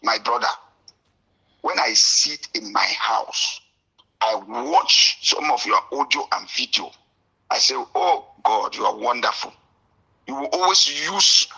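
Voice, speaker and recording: A man's voice: mid-range voice, big pitch swings, takes it slowly, creaky, pauses often, husky, poor audio. Impassioned Cameroonian man calling in. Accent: Cameroonian English. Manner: impassioned, indignant, outbursts into shouting. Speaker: caller. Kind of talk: call-in radio talk.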